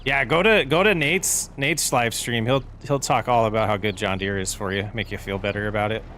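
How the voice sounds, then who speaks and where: Brisk and sharp-toned with a fairly low pitch, a man rambles through chat questions while live-streaming a farming game. The talk is casual, and faint game vehicle noise sits in the background.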